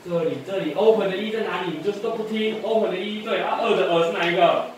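A man's voice: high voice, fast talker. A man teaching English phonics, repeating each sound twice and scolding lapses in attention. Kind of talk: one-on-one phonics drill. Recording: very echoey room, voice far from mic, faint noise.

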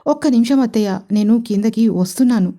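A woman voicing a shy, polite young woman CEO who speaks hesitantly and pleads softly in an audio story. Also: fairly high pitch, brisk, close to an everyday voice.

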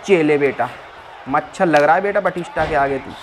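This man's voice sits on the high side at a normal speed as he rowdily commentates his wrestling game. He mocks the on-screen wrestlers and referee while the game's crowd noise and effects play in the background.

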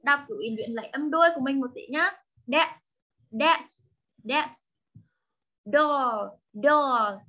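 A woman with a Vietnamese accent teaching English online, drilling each word slowly and repeating it many times while switching between English and Vietnamese. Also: high voice, lo-fi sound. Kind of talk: slow drilling of vocabulary for young learners.

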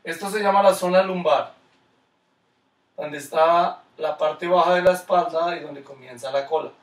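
A man's voice: a little high, steady tone, normal speed, reverberant, distant mic. A man with a Colombian Spanish accent teaching a kids' skating class online, coaching with encouraging, repeated cues. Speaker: skating instructor.

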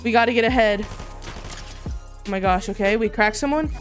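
Hyped, higher-voiced woman gamer. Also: moderate pace, faint music behind. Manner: hyped, slangy gamer talk with "bro" and "dude". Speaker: gamer, video host. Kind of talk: excited gameplay commentary.

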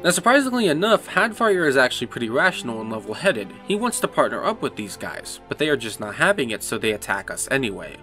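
A man's voice: medium pitch, big pitch swings, fast talker, hardly any pauses, pushed and bright, soft background music. A man narrating a game walkthrough in a casual, explanatory way. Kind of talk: casual gameplay commentary.

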